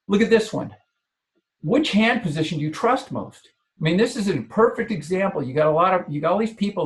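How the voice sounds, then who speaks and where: A man coaching an audience on body language, repeating key phrases and checking in with "okay" and "all right". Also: on the high side. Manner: frequent verbal restarts and filler checks like "okay". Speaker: business coach.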